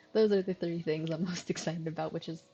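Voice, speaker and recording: A woman chatting casually while streaming a visual novel, giggly and full of fillers. Her voice sounds mellow and warm. The audio is slightly muffled, with faint music behind her. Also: on the low side.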